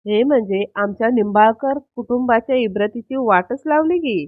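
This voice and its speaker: A woman's voice: on the high side, normal speed, no room sound, natural voice. A woman voicing a sly young man feigning shock. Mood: mock-shocked. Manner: theatrical, mock-pious exclamations. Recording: tinny phone-like audio.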